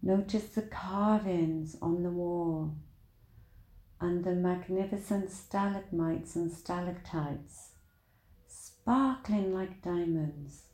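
A woman leading a guided meditation in a soothing, deliberate manner, with long pauses between short phrases. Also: fairly low pitch, warm tone, echoey room, rough recording.

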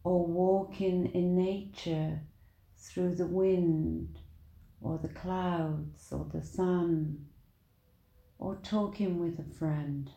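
A woman leading a guided meditation in a soothing, deliberate manner, with long pauses between short phrases. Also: fairly low pitch, steady tone, vocal fry, warm tone, reverberant.

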